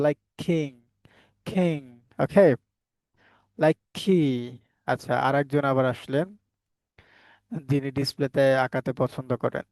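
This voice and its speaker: Male teacher on a headset, slightly high, warm and dry, quizzing the class over and over. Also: dry recording. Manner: drills the class with repeated call-and-response questions. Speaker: English teacher. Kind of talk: online class teaching pronunciation.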